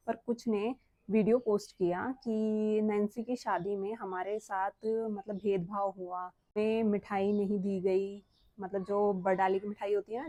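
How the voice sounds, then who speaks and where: A woman's voice: mid-range voice, darkish tone, dry recording. Earnest young woman vlogger. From Uttarakhand, India. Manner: earnest, chatty, scolding rhetorical questions. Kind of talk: casual vlog talk to camera.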